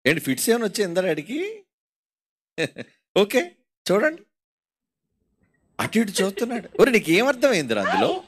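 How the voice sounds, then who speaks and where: A man's voice: high voice, wildly swooping pitch, a little fast, pauses often, breathy edge. A man with a Telugu accent preaching a sermon, mocking and rhetorical, constantly putting questions to his listeners. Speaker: pastor.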